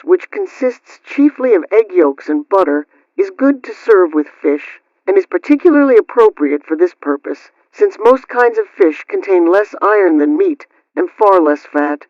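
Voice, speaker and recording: In a high voice with no echo, a man acting as a radio host reads scripted household advice, formal and instructional, each word carefully enunciated, question followed by answer. The audio has a dull, lo-fi radio-style sound.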